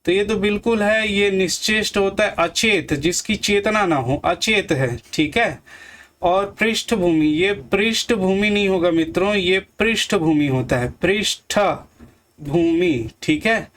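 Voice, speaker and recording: High-voiced Hindi grammar teacher drilling words. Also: male voice, fairly bright tone. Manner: repeats and drills words slowly, quizzing viewers. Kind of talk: exam-prep grammar lesson.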